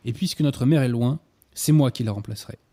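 A man reading as a gentle, tender older brother. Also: mid-range voice, a little fast, lightly acted. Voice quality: soft, trembling reading voice.

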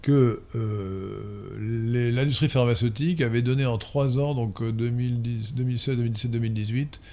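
A man's voice: medium pitch, fairly even intonation, moderate pace, dark tone. A man hosting an interview, talking emphatically and digressively, correcting pronunciation with a pedantic streak. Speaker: host. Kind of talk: interview conversation.

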